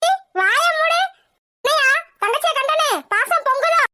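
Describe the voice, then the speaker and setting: A woman voicing a sharp-tongued, quarrelsome village mother in a cartoon, shrill and scolding. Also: animated, moderate pace, slight background noise, full character voice. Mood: scornful. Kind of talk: cartoon voice acting.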